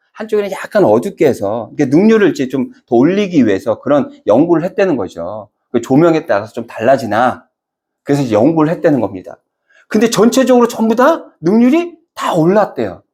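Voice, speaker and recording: A man's voice: fairly high pitch, very animated, brisk, mellow. A male pastor preaching a Sunday sermon, asking the congregation questions and answering them himself, and acting out quoted speech. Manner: acts out quoted speech in dramatic voices.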